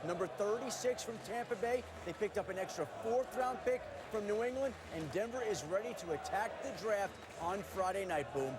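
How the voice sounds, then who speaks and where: A man's voice: sits high, expressive, moderate pace, few pauses, over a noisy crowd, heavy background noise. A man delivering a live sports report.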